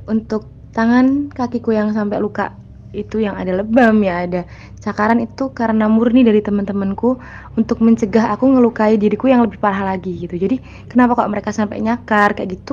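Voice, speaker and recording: A woman's voice: mid-range voice, darkish tone. A young woman guest telling her own experiences in casual, chatty storytelling, with lots of fillers and self-corrections. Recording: dull, lo-fi sound with faint noise.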